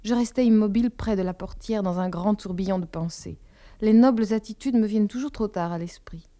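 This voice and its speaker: Woman reading a novel aloud, calm even pace, warm mellow voice. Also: medium pitch, brisk. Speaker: audiobook narrator. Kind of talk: literary audiobook narration.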